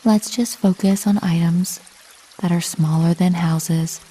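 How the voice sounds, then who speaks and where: This is a scripted sleep meditation, told like a bedtime story by a woman whose lowish voice has a slightly rough quality. She speaks in a calm, soothing, measured way and lets long pauses settle in.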